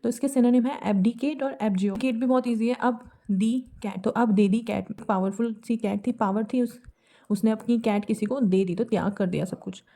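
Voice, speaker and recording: A woman's voice: fairly high pitch, fairly even intonation, moderate pace, dark tone. An Indian woman teaching English vocabulary in a casual lesson, explaining memory tricks with little acted scenes and mixing English words into her speech. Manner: mixes English words into Hindi.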